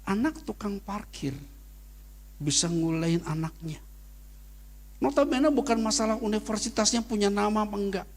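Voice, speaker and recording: Animated middle-aged pastor with a gravelly voice. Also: male voice, high-pitched, normal speed, long pauses. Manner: animated preaching with sudden loud peaks; casual Jakarta slang in anecdotes. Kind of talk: sermon.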